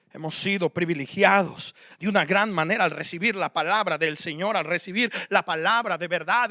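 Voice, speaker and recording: Male preacher, high and bright, swinging from loud emphasis to quiet asides. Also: no echo, clean studio sound. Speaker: pastor. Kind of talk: sermon.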